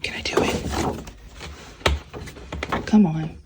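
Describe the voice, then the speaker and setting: A young woman doctoral student chatting in a casual vlog, excited and grateful, laughing often and sometimes whispering in a library study room. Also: slow pace, slight background noise. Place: walking outdoors, then a library study room.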